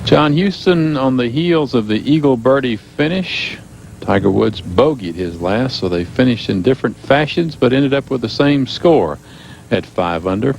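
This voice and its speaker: A man's voice: medium pitch, animated, normal speed, vocal fry, darkish tone, slight background noise, rough recording. A man giving televised golf commentary with brief summaries of players and their scores.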